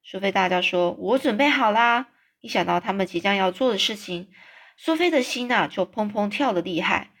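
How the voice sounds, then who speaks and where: A woman reading a children's book aloud in a relaxed, unpolished way. She often breaks off to restart a phrase or explain a word in her own casual words. Her pitch sits around the middle for a woman. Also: brisk. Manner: unscripted asides, restarts and explanations. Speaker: storyteller.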